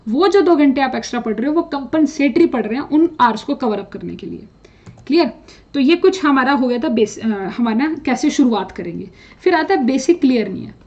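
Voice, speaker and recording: High-voiced woman teacher, lo-fi. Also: animated, brisk, darkish tone. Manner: direct, scolding, mixes English phrases into speech. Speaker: chemistry teacher. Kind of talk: exam preparation advice to students. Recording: dull lo-fi sound.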